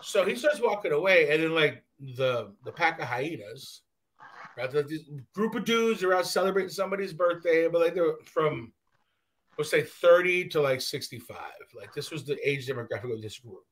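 A man's voice: a little high, moderate pace. A man hosting a casual podcast, telling a profane story with lots of slang and mock voices. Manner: animated, profane, slips into mock voices and accents. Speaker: podcast host.

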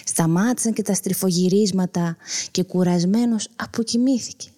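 Warm-voiced woman reading a bedtime story. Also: mid-range voice. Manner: gentle and expressive, drops to a whisper at times. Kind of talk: scripted children's bedtime story narration.

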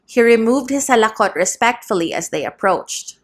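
A woman narrating a classic novel aloud in a steady, measured way. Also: on the high side. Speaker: audiobook narrator. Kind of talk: scripted narration.

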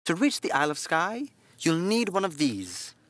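A man voicing a gentle, devout nun. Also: a little high, wildly swooping pitch, moderate pace, no room sound, pitched above the performer's own voice. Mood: earnest. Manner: gentle, earnest counsel. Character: calm, devout middle-aged nun, motherly.

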